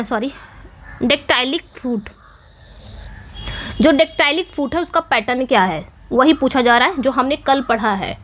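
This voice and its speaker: A woman's voice: high voice, fairly bright tone, slight background noise. A woman teacher explaining poetry meter in a class video, patient and repetitive, checking in with her students often. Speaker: English teacher.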